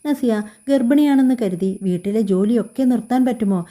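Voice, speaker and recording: A woman's voice: on the high side, moderate pace, mellow, pitched above the performer's own voice, close to an everyday voice. A woman voicing a cold, demanding middle-aged mother-in-law in a storybook reading. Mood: stern.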